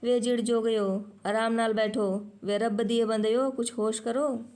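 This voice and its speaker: A woman voicing an old woman on a train who begs people to calm down, slow and pleading. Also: fairly high pitch, close to an everyday voice.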